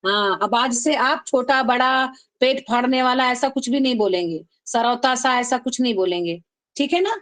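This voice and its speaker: A woman teaching an online class, affectionately calling her students "beta" and chanting rules slowly for them to repeat. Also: a little high, a bit bright. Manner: calls students "beta", drills them call-and-response. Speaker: Sanskrit teacher.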